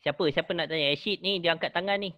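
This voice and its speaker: A man's voice: on the high side, fast, bright, forceful tone, no room sound. A man, a rapper, co-hosting a casual live stream and explaining with many repeated starts. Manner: hesitant, repeats words while explaining.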